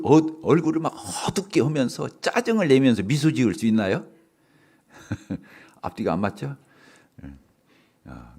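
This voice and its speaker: A middle-aged man preaching in a church, with a pitch that rises and falls a great deal as he talks. He asks the people in front of him questions and breaks into laughter often. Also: a little mellow. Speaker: pastor. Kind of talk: sermon. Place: church sanctuary.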